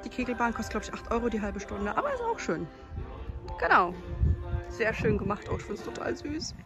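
A woman's voice: on the high side, big pitch swings, brisk, music in the background. A woman in her thirties chatting casually as she walks and films a holiday park tour on her phone. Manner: chatty, upbeat, filming while walking. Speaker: vlogger. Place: outdoor holiday park and indoor restaurant. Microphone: handheld phone camera.

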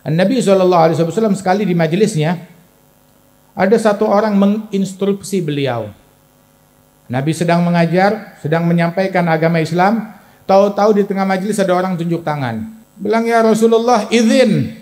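A man's voice: high voice, fairly quick, a little mellow. A man preaching a sermon in Indonesian style, telling a story and acting out the speakers' lines, rising sharply when he voices indignant replies. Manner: acts out dialogue in his sermon, rising sharply for indignant quotes.

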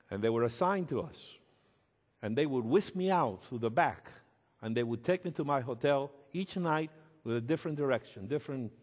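A man preaching a sermon as a pastor, telling a story slowly and emphatically and rising to shouts at its peaks. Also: medium pitch. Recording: echoey hall with long reverb.

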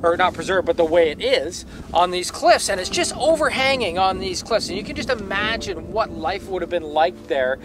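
A middle-aged man co-hosting a travel vlog outdoors, chatting in a relaxed, rambling, enthusiastic way. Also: high voice, moderate pace, hardly any pauses, background noise. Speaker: travel vlogger co-host. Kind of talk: casual travel vlog chat. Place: outdoors on the road. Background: background music.

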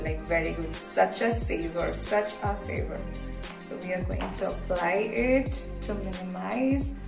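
An echoey, slightly distant phone recording of a young woman with an Indian accent. She talks in a casual, chatty vlog style at a medium pitch, repeating words for emphasis. Music plays along with her voice. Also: gravelly. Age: 20s. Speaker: vlogger. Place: hotel room and small tiled hotel bathroom. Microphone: phone propped a short distance away. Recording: echoey tiled bathroom, distant phone mic.

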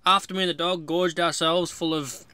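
A man, narrating his spearfishing outing in a relaxed, explanatory voice-over. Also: a little high, moderate pace, clear, resonant tone, no room sound, low-quality recording. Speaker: vlog host narrating.

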